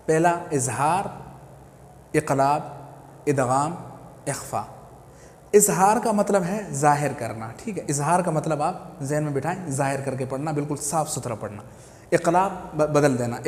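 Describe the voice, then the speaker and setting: A man with an Urdu accent teaching Quran recitation, a patient teacher who repeats each term slowly. His voice sits a little high for a man. The room is echoey with a long reverb tail and faint ambient noise behind him. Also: darkish tone. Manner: patient, explains step by step and repeats key terms. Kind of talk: teaching a lesson.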